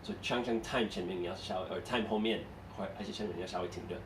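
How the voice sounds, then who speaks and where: A man with a deep voice talks very fast over background noise, teaching an English class step by step and quizzing his students while switching between English and Mandarin. The room is echoey and the mic sits far away.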